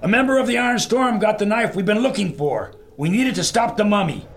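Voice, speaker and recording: Impatient wisecracker, bouncy and higher-pitched. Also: male voice, expressive, fairly quick, creaky, slight background noise. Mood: urgent. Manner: blunt, wisecracking. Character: brash male adventurer, impatient, wisecracking.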